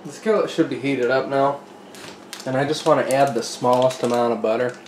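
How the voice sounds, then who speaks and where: His voice sits in the middle range with fairly even intonation, and he talks a little fast. He's at the stove in his kitchen, chatting casually about each step of preparing his meal. The pan sizzles and he stirs, all captured clearly in an echoey room.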